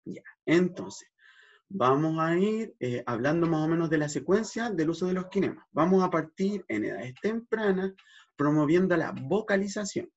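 A man's voice: on the high side, expressive, moderate pace. A man, a speech therapist, explaining vowel gestures in a lesson, checking in often and demonstrating sounds with exaggerated articulation. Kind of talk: educational explanation. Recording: dull lo-fi recording.

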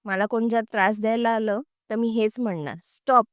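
A woman's voice: a little high, steady tone, moderate pace, no echo, clean studio sound, lightly acted. A woman reading the lines of a boastful older father who has just come into wealth.

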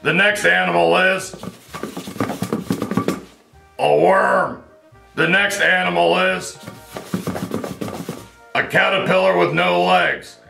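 A man voicing an earnest, inept party clown puppet, halting and simple-minded, in a roomy comedy sketch. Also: high voice, fairly even intonation, gravelly, over music, exaggerated voice. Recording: roomy echo.

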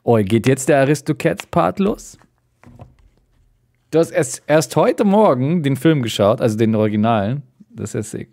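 A man's voice: medium pitch, animated, normal speed, darkish tone. A man streaming, reacting to an audiobook with casual, mocking, joking asides.

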